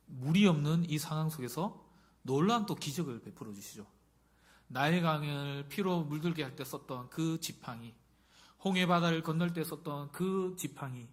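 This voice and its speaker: A middle-aged male pastor giving a conversational sermon and often putting questions to the congregation. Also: fairly high pitch.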